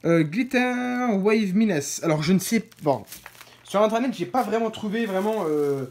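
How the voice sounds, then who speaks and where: Woman host, casual unboxing chat, halting delivery full of fillers and corrections, addresses viewers directly. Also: mid-range voice, expressive, a little mellow. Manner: hesitant, many fillers and self-corrections; informal, talks straight to viewers. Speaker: fireworks channel host.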